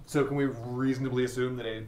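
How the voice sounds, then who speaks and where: A man's voice: medium pitch, level tone, quick pace, noisy background. A man playing a tabletop game, exasperated and joking. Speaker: player. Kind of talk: casual tabletop game play. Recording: roomy and distant.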